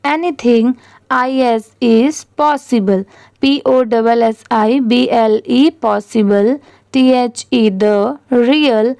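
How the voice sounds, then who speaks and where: A woman with a fairly high voice leads an English reading lesson. She spells each word out letter by letter and then reads it very slowly and deliberately. The sound is dry and close. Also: mellow, dry recording. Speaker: English teacher.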